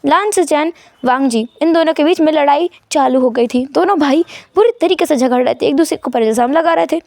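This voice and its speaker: Woman storyteller, high voice, dry close sound; narrates and voices squabbling characters. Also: brisk, a little mellow, dry recording. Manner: acts out quarrelling characters in dialogue. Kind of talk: fan fiction narration with voiced dialogue.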